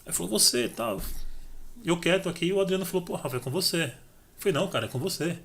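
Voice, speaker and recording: Speaking quickly in a voice that sits high, a middle-aged man from Brazil recounts his life story as a podcast guest. The chat is casual, and he animatedly acts out the dialogue.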